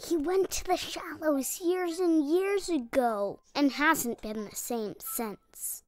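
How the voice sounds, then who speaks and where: A man's voice: very high-pitched, takes it slowly, pitched above the performer's own voice. A man voicing a curious, eager young boy fish with a wide-eyed, youthful voice in a children's audio story.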